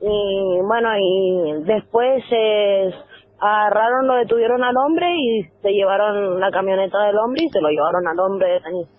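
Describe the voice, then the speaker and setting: A woman on a phone interview, recounting events in a halting way with many restarts and quoted dialogue. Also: mid-range voice. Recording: tinny phone line.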